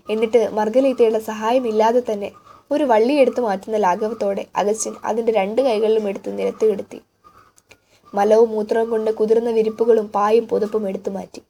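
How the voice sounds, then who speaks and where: Woman, audiobook narrator, slightly high voice, mellow tone, measured expressive storytelling. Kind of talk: reading a literary novel aloud.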